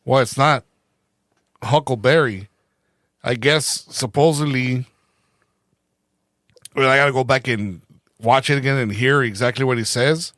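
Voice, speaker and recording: A man's voice: mid-range voice, fairly even intonation, normal speed, long pauses, a bit bright, no echo, studio quality. A man co-hosting a podcast in casual chat, laid-back, dropping "dude" and "man" often. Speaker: podcast co-host.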